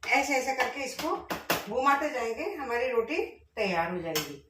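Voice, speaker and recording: A middle-aged woman cooking in her home kitchen, chatting directly to her viewers and speaking loudly on purpose. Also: on the high side, lively intonation, moderate pace, recorded from a distance, background noise. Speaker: vlogger. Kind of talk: casual cooking vlog. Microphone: camera set up at a distance. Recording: echoey kitchen, voice off-mic.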